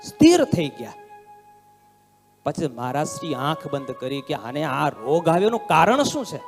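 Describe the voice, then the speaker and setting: A swami telling a devotional story as a sermon, dramatic and swinging between loud exclamations and hushed lines. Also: male voice, sits high. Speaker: swami giving a religious discourse. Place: devotional hall. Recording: long hall reverb with faint instrumental music.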